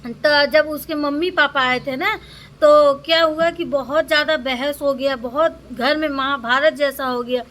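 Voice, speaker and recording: Young woman, casual vlog, indignant and complaining, high pitched. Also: a little slow, fairly bright tone. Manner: aggrieved, complaining, repeats "bhai" often. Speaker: vlogger.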